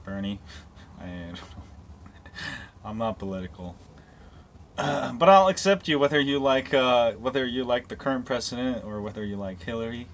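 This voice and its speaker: Pausing often at a moderate pace, a man with a medium-pitched voice live-streams on a handheld phone with slight background noise. He wanders around, partly outdoors, casually answering viewer questions about phones and other things in a rambling style full of restarts and asides.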